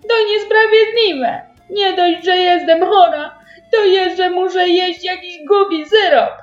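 A woman voicing a stubborn little girl with a cold, whining and protesting loudly. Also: high-pitched, very animated, unhurried, voice pushed up. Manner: whiny, protesting, shouting. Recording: roomy, dull sound with faint music.

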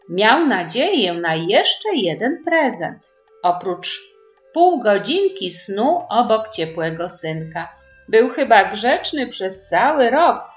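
Woman reading a kids' bedtime story slow, lively voice, roomy dull recording with faint music. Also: mid-range voice. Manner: gentle, addresses listeners as kids. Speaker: storyteller for children. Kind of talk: reading a children's story aloud.

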